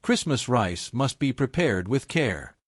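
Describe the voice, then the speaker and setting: Reading a scripted folktale, a male storyteller speaks gravely in short, measured phrases while his pitch moves in lively swings. The audio is close and dry, carrying very little sense of the room.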